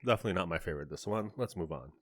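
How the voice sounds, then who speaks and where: A man's voice: low-pitched, lively intonation, very fast, a bit bright, no room sound. A man hosting a casual on-camera candy review, chatty and describing each flavor in detail with small asides. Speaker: candy reviewer, channel host.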